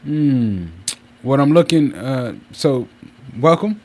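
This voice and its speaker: A man's voice: medium pitch, slow. A man chatting casually on a livestream from a room at home, rambling and often circling back to repeat himself. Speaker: streamer hosting a channel. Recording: clear steady fan noise. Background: fan running.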